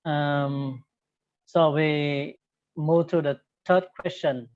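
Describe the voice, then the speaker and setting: A man hosting an online English discussion, speaking haltingly and repeating his phrases. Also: a little high, fairly even intonation, a little mellow, no room sound. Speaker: discussion host. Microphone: online call. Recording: narrow, phone-like online call.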